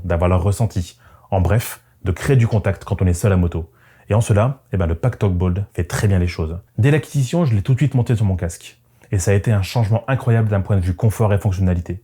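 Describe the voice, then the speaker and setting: A man with a fairly low, warm voice narrates in the first person as a motorcycle vlogger, reading from a script in a reflective, conversational way. Music plays behind his voice throughout.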